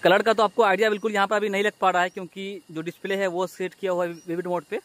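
A man's voice: high-pitched, level tone, quick pace, a bit bright. A man giving a casual on-the-spot demo outdoors as a tech reviewer, recorded on a phone's built-in microphone. He announces each step as he works the phones.

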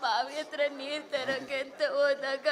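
A woman's voice: high-pitched, flat delivery, normal speed, reverberant, over a noisy crowd, lightly acted. A woman playing a weeping wronged young sister. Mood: sobbing. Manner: sobbing, plaintive. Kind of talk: village stage drama. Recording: stage recording with very loud backing music.

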